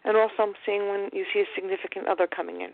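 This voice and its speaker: Fast-talking woman calling in by phone. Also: medium pitch, flat delivery. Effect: caller heard over a phone line on a radio show. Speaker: radio show caller. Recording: tinny dry phone line.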